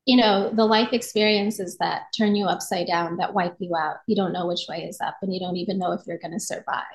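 Appearing as a podcast guest, a middle-aged yoga and meditation instructor from Japan recounts her personal story earnestly and reflectively, speaking articulately with an American accent. Her lowish voice holds a steady tone and moves fairly quickly, with a roomy echo in the recording.

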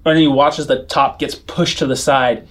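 A man's voice: medium pitch, fairly even intonation, unhurried, fairly bright tone. A man narrating as game master of a tabletop game, rambling with many fillers and restarts.

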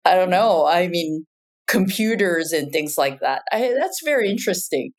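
A woman's voice: on the low side, animated, normal speed. A woman from Japan speaking as a podcast guest, talking in a reflective way with frequent "you know" and "in terms of". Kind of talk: casual conversation.

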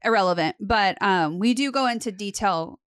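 American valley girl chatting on a podcast, says like a lot, mid pitch, dry closet sound. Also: moderate pace, fairly bright tone, clean tone, no echo. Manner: Valley Girl way of talking, peppered with "like". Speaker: podcast co-host. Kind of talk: casual podcast chat. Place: small closet, in person.

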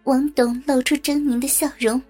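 A woman reading a story aloud as narrator, in a steady, even storytelling manner. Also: high-pitched, moderate pace, faint music behind.

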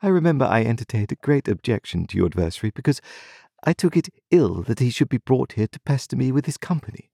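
A cold and haughty young woman, as a male reader puts her on, speaking high above his own voice with a careless, disdainful composure. Her lines carry an aloof pride, coolly delivered in a dry, close reading. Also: animated, fast, vocal fry, warm tone, slightly rough, dry recording. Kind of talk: storybook reading.

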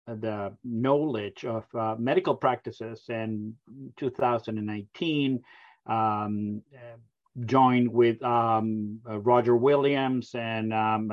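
Speaking in a remote interview over lo-fi audio, this middle-aged man from Argentina founded a software company and has an Argentine Spanish accent. His medium-pitched delivery is hesitant and heavy with fillers like um and uh.

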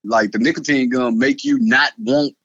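A man's voice: medium pitch, huge pitch swings, moderate pace, vocal fry, fairly bright tone, breathy edge, no echo, highs cut off. A man, talking loosely and repeating words in a casual conversation, laughing often. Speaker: guest.

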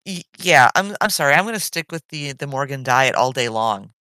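A middle-aged woman chats as a podcast co-host, her voice bright and swinging widely in pitch. She sighs often and talks in an animated way. The sound is dry and close to the mic. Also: brisk, no room sound. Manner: animated, sighing, chatty. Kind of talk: casual chat.

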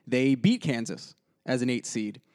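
A man's voice: mid-range voice, lively intonation, a little slow, darkish tone. Laid-back young man, slangy sports talk. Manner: laid-back, casual slang, repeats himself. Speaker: podcast co-host. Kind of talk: casual sports chat.

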